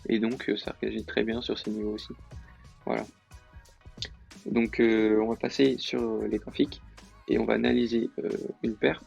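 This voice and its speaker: A man's voice: on the low side, little pitch movement, moderate pace, vocal fry, pauses often, darkish tone, husky, muffled recording, faint music behind. A man explaining a trading lesson in a casual, hesitant way, with many fillers and self-corrections. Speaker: trading tutor. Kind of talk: casual screen-recorded lesson.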